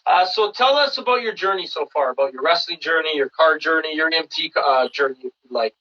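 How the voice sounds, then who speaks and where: A friendly man from Canada hosts a casual remote podcast, rambling through his questions with plenty of fillers. His voice is bright and fairly high. The sound is dull and muffled, heard from a distance over a video call. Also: expressive, a little fast. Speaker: podcast host.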